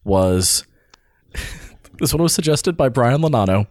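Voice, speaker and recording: A man's voice: medium pitch, lively intonation, takes it slowly, a little mellow, no room sound. A man hosting a podcast in casual chat, rambling with lots of filler words and restarts. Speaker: podcast host.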